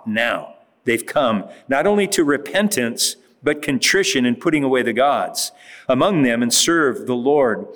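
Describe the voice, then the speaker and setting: A pastor giving a conversational Bible-teaching sermon, reading scripture aloud and rising to emphatic moments. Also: male voice, mid-range voice, fairly bright tone, big-room sound.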